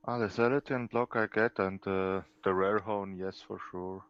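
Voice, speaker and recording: Deep-voiced hesitant man on a call. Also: fairly even intonation, smooth, no room sound, highs cut off. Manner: hesitant, halting, searches for words. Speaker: player being coached on a call. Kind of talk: casual voice chat.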